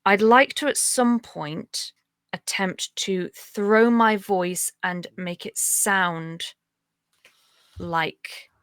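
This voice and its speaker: A woman's voice: mid-range voice, extremely slow, a bit bright, clear, resonant tone, no room sound, clean studio sound. A woman chatting casually as a player at a tabletop role-playing game, thinking her moves through aloud.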